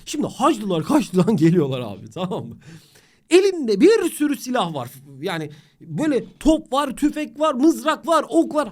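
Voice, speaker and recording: A man's voice: high voice, darkish tone. A young man teaching a math lesson on video, talking straight to the student in a playful, joking way. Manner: playful, talks directly to the student, jokes and mock chants.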